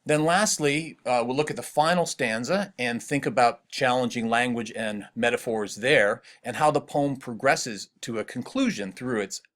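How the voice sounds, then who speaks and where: A middle-aged man talks through a poem for his class in a recorded lecture. His voice sits at a middle pitch, and he keeps putting open questions to his students. When he quotes the poem, he slows to a careful, deliberate reading. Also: a bit bright. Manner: thoughtful, asks questions, slows to read poem lines aloud. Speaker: literature teacher.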